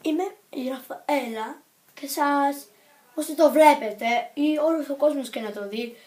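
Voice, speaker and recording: A woman's voice: sits high, darkish tone. A woman talking to the camera in a casual vlog, rambling playfully, jumping between topics and correcting herself. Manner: scattered, jumps between topics and self-corrects; playful and silly. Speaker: vlogger.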